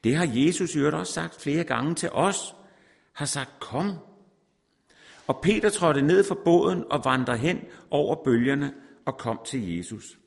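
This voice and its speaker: A man's voice: on the high side, animated, gravelly. A man preaching a sermon, repeating words for emphasis and reading scripture aloud. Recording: long reverb in a large hall.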